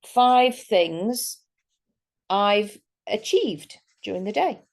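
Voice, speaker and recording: A woman's voice: medium pitch, very slow, gravelly. A woman hypnotist talking casually to a workshop group, acting out people's reactions as she explains techniques. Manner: animated, acts out quoted reactions.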